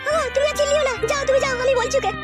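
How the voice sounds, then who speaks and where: Woman, mother role, scolding and crude, very high voice, music behind. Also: steady tone, racing. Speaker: mother in comedy sketch.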